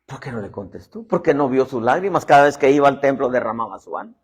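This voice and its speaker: A man preaching a sermon, animated, swinging between loud exclamations and hushed whispers, often calling out to his listeners as brothers. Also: medium pitch, quick pace, breathy edge. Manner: addresses listeners as "hermano". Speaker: apostle preaching.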